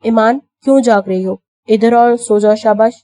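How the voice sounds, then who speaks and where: A woman voicing a young husband in a scripted audio novel reading, speaking softly and affectionately. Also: fairly high pitch, fairly even intonation, no room sound, studio quality, lightly acted. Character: young man, teasing protective husband.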